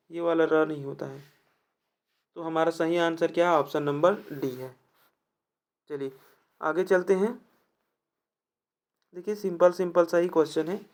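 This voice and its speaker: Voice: mid-range voice, a little mellow. A teacher going through exam questions for students, who keeps asking rhetorical check-in questions and repeats each answer. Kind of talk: explaining test questions to students.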